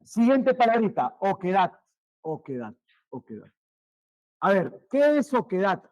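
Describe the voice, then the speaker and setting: A male teacher, giving a vocabulary lesson, repeating each word more and more quietly and quizzing his students. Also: high voice, very animated, unhurried, dry recording, poor audio. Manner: repeats words, trailing off quieter, asks questions.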